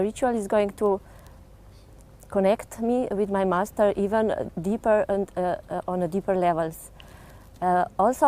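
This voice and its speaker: Woman from Slovenia, middle pitch, halting testimonial with lots of uhs. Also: dark tone. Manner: hesitant, many fillers. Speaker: devotee giving a testimonial. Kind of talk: personal testimonial.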